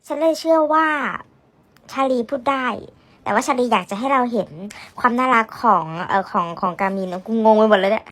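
Chatty high-voiced woman gossiping. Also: lively intonation, fairly quick, fairly bright tone. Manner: chatty, gossipy, blunt slang, laughs often. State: tired, red-eyed. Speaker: vlogger. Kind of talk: casual chat.

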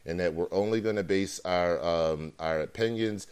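Male talk-show host, lowish smooth voice, hesitant, full of ums. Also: moderate pace, a little mellow. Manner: hesitant, many ums and uhs. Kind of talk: live internet talk show.

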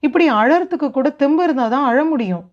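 A woman's voice: high-pitched, lively intonation, brisk, lo-fi sound, voice pushed up. A woman voicing an earnest younger brother who urges his grieving older sibling, read in an audiobook. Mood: concerned. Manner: urgent, coaxing.

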